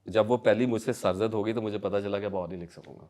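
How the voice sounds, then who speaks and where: A man, a guest recounting anecdotes in a lively conversational way, slipping in English phrases. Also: lowish voice. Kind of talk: conversational storytelling.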